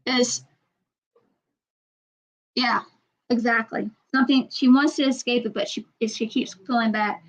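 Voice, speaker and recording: A woman's voice: fairly high pitch, steady tone, a little slow, pauses often. A woman hosting a casual livestream chat, rambling and repeating herself as she reads out viewer comments. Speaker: channel host. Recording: dull lo-fi sound.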